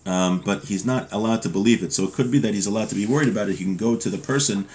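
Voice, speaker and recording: A man in his thirties teaches religious law informally, reading aloud and explaining step by step in a fast, somewhat low and slightly mellow voice. The setting is a small indoor home room with bookshelves.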